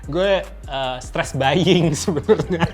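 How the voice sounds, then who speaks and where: A man's voice: fairly high pitch, slow, soft background music. A man in his thirties who works in media, answering in a frank, reflective way. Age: 30s. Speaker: media worker.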